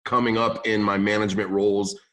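Young guest, Lebanese-born, raised in California, lowish voice, casual chatter. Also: male voice, level tone, fairly quick, fairly bright tone. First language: not English. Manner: casual, says "man" often, restarts sentences. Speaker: podcast guest, gym business owner. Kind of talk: casual interview chat.

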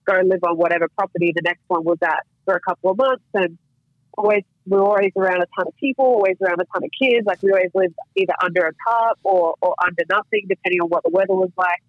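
A woman's voice: fairly low pitch, fast, no room sound, narrow, tinny audio. An Australian woman in her thirties, a guest chatting casually on a podcast, saying "like" and "you know" a lot and swearing freely. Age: 30s. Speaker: guest, professional fighter.

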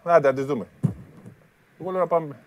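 A man's voice: a little high, slight background noise. A man with a slightly raised voice co-hosts a sports talk show. He argues his case in a stubborn, grumbling way during studio banter. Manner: stubborn, grumbling about referees.

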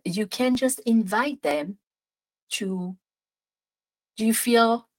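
Slow-talking French-accented woman. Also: medium pitch, low-quality recording. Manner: gentle, warm, meandering with restarts. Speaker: podcast host. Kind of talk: casual advice podcast with guided visualization.

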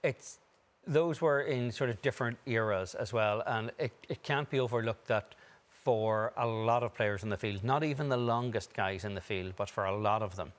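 A man's voice: lowish voice, moderate pace. A man speaking as a golf analyst, giving analytical commentary on the broadcast.

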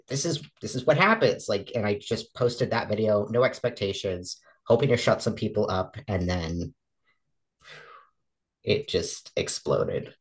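A woman in her twenties with a fairly deep voice chats casually as an interview guest. She acts out the remarks she quotes and speaks with lots of fillers and restarts. The recording is rough.

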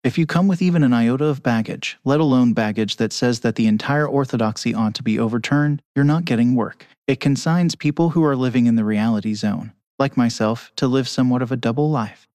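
An anonymous male conductor whose voice is electronically disguised, giving measured, articulate interview answers over a remote call. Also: mid-range voice, darkish tone, no echo. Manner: measured, articulate, argues at length. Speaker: orchestra conductor, anonymous guest. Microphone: remote call with camera off.

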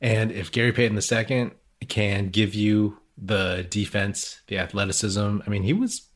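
Male sports podcast host, low husky voice, informal conversational fan commentary. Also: fairly even intonation, normal speed. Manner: conversational fan talk with loose, informal phrasing. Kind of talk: casual solo basketball commentary.

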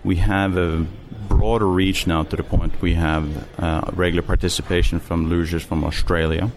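A middle-aged man from Norway with a Norwegian accent, answering interview questions in a measured way with many fillers and restarts. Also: low voice, flat delivery, background noise. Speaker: interview guest, sports official.

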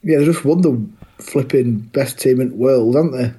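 Man, mellow husky voice, blunt teasing banter, casual football podcast. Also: mid-range voice, moderate pace. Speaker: podcast co-host. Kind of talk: casual sports chat.

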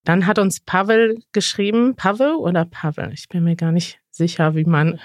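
A woman's voice: fairly low pitch, fairly even intonation, moderate pace, no room sound, studio quality. A woman co-hosting a podcast, talking in an earnest, thoughtful way and reading listener messages aloud. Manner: earnest, thoughtful, with some hesitant restarts. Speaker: podcast co-host.

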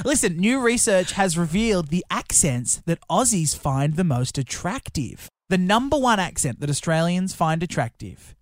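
Cheeky high-voiced male radio host. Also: big pitch swings, moderate pace, hardly any pauses, dry recording. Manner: cheeky, jokey. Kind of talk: casual radio banter.

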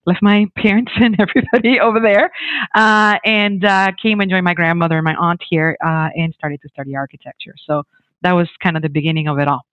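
Lively man from the Dominican Republic on a phone-like line. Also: sits high, fairly quick, clean tone, dry recording. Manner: animated, many restarts and fillers. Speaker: guest, technology executive. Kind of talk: conversational interview.

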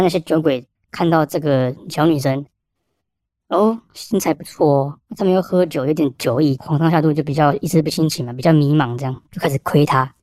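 A man with a Taiwanese Mandarin accent, a police officer telling stories in a rapid, animated way, mixing in Hokkien phrases. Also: fairly high pitch, dry recording, studio quality. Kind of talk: casual storytelling.

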